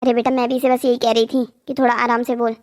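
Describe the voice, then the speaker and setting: A voice actor playing a gentle, worried mother in a cartoon story, speaking softly to calm her son. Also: fairly high pitch, quick pace, natural voice. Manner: soft, calming, pleading.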